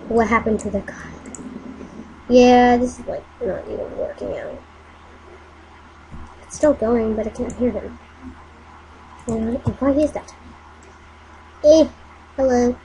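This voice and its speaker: A woman giving casual, excitable commentary on her own gameplay, muttering to herself and breaking into silly sing-song chants. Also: on the high side, slight background noise, rough recording. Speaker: gameplay channel host.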